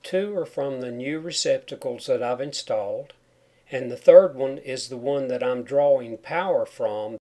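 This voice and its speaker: A man gives plain, step-by-step instruction in the manner of a homemade tutorial. His mid-pitched voice has a noticeable whistle on sibilants, caused by a chipped tooth. He explains each point simply, as a do-it-yourself instructor. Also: measured pace, dark tone. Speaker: DIY home wiring instructor. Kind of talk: narrated how-to tutorial over photos.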